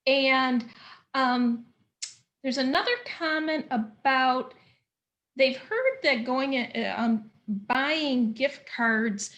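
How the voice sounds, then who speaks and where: Female talk host, slightly high-pitched, chatty and easygoing. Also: extremely slow, fairly bright tone. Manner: chatty, reads viewer comments aloud. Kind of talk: casual interview chat.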